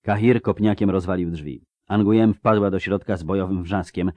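A man narrating an audiobook in a steady, dramatic reading style. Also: sits low, normal speed, no room sound. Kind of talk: scripted narration.

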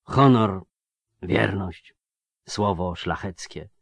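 Quiet, bitter elf, low-voiced, from a male narrator. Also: very slow, vocal fry, breathy edge, no echo, clean studio sound, exaggerated voice.

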